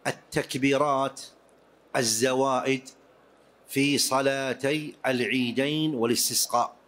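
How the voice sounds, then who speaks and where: A man teaching Islamic jurisprudence to a class, explaining prayer rules deliberately and repeating key points for his students. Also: mid-range voice.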